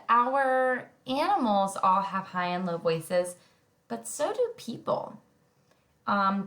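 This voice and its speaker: Slow, animated preschool music teacher. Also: female voice. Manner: gentle, speaks simply to small children; demonstrates high and low sounds with her voice. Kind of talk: recorded lesson for young children.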